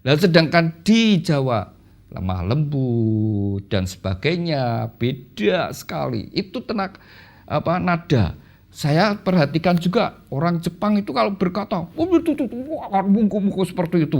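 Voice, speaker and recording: A man teaching a premarital class at church, speaking casually and often addressing listeners as brothers and sisters. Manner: lively, addresses listeners as "saudara"; acts out quoted voices with sudden pitch jumps.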